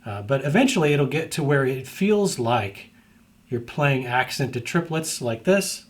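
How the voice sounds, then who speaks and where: A man's voice: mid-range voice, lively intonation, unhurried, background noise. A middle-aged man teaching drum technique in an instructional lesson, explaining step by step and often checking in with the listener. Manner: explanatory, repeatedly checks in with "right?".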